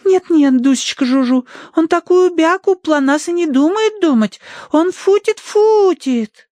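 A man's voice: lively intonation, measured pace, a little mellow, no echo. A man voicing a sweet, gushing young lady who slips into cooing baby talk, read as an audiobook character. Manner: high breathless gushing, lisping baby talk.

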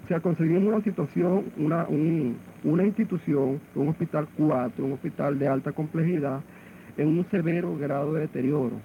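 A man's voice: fairly high pitch, steady tone. Venezuelan man over muffled AM radio. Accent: Venezuelan Spanish. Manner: halting, repeats words as he searches. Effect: AM radio broadcast sound. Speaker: hospital director being interviewed. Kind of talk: radio interview. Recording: muffled AM radio with faint hiss.

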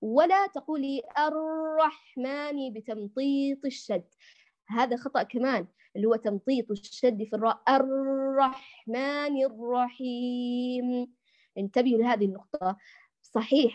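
In a muffled recording, a woman with a slightly high, darkish voice gives a recorded Quran recitation lesson. She demonstrates the sounds patiently and addresses her listeners affectionately as dears.

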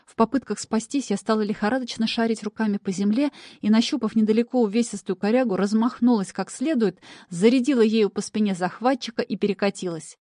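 A woman's voice: on the high side, a little fast, few pauses, dark tone, no echo. Woman narrating a story, dry and close. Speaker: audiobook narrator. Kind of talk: scripted first-person narration.

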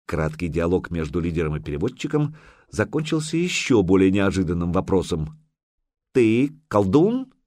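A man narrating an audiobook in a measured storytelling manner. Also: low-pitched, big pitch swings, a little mellow, no echo, clean studio sound. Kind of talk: scripted narration.

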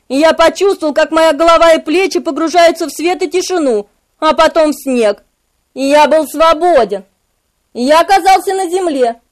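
High-voiced woman narrating an audiobook. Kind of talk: scripted first-person narration.

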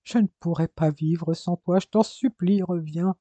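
A man's voice: a little high, a little fast, dark tone, breathy edge, no room sound. A man voicing a desperate young husband overcome with grief, crying out and pleading. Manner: pleading, sobbing outbursts.

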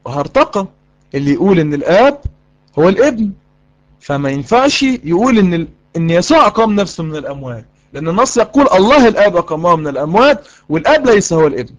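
A man's voice: high-pitched, very animated, fast talker. A man with an Egyptian Arabic accent teaching a live online course, quizzing his students and repeating key lines for emphasis. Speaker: religious course instructor.

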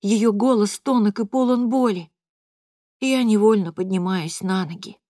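A woman reading a first-person audiobook in a quiet, even storytelling voice. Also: mid-range voice, measured pace, no echo, studio quality. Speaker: audiobook reader.

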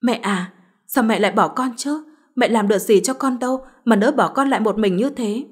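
Lady reading as spoiled nasty young woman, husky voice, pleads then snarls, audio storybook. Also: fairly high pitch, moderate pace. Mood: grieving. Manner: shifts between pleading and snarling threats. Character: spoiled young woman, adopted daughter turned vicious.

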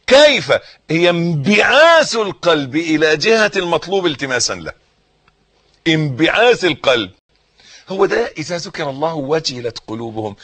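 Egyptian guy preaching, husky voice, sits a bit high, goes loud then real quiet, keeps asking the crowd stuff. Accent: Egyptian Arabic. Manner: swings between raised emphasis and soft, hushed phrases; repetitive, teacherly, asks listeners questions. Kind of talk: sermon.

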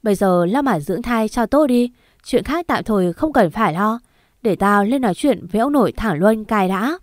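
A woman voicing the older mistress of a household who speaks in a flat, commanding way. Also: medium pitch, moderate pace, no room sound, studio quality, natural voice.

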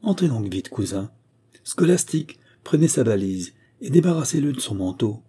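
A man's voice: lowish voice, animated, moderate pace, mellow, breathy edge. A man voicing a cordial middle-aged father who greets a guest with hearty exclamations. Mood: jovial.

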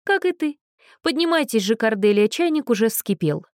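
A woman's voice: a little high, big pitch swings, normal speed, dry recording, clean studio sound, pitched above the performer's own voice. A woman voicing a carefree young woman who speaks in a lazy, breezy drawl. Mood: lazy, amused.

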